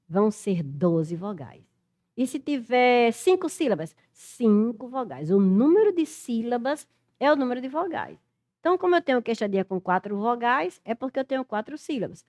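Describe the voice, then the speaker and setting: Middle-aged Brazilian woman, lively Portuguese teacher reasoning aloud through exam questions. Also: on the high side. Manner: animated, thinks aloud, spells letters out. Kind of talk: exam-prep lesson, working through questions.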